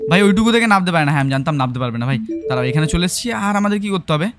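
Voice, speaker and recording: Man, gaming YouTuber, Bengali accent, high and quick, excitable chatty let's-play, game music faint. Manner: excitable, chatty, mixes in English phrases, shouts when startled.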